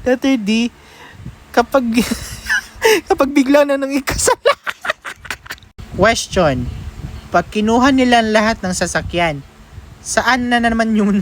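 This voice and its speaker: A man's voice: sits high, slight background noise. A man reading memes aloud and reacting to them casually, laughing often and reading quiz choices in a playful mock-teacher tone. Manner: laughs often between lines. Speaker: meme reaction host.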